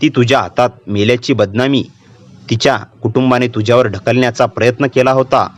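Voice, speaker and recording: A man's voice: medium pitch, a little fast, lightly acted. A man voicing a young girl possessed by a vengeful female spirit, speaking in a cold, taunting way. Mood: menacing. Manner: cold, menacing, calmly taunting. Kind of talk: storytelling narration.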